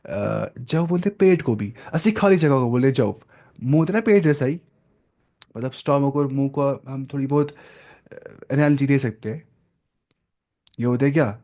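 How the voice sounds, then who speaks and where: A man's voice: mid-range voice, animated, pauses often, mellow. A young man teaching Quranic pronunciation in a casual lesson, explaining step by step, asking questions and demonstrating sounds.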